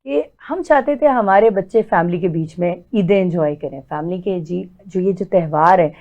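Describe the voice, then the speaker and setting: A woman's voice: lowish voice, phone-quality sound. A woman in her forties, a doctor and interview guest, chatting casually and explaining with everyday examples, slipping English words into her talk. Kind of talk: casual chat.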